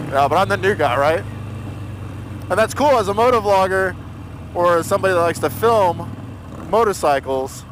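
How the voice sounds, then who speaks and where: A young man vlogging from his motorcycle, chatting casually and laughing at himself as he rides with a club. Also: fairly high pitch. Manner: chatty, self-mocking, laughs often. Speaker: motovlogger. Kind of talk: casual vlog commentary while riding. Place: outdoors on a motorcycle in city traffic. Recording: road and engine noise behind.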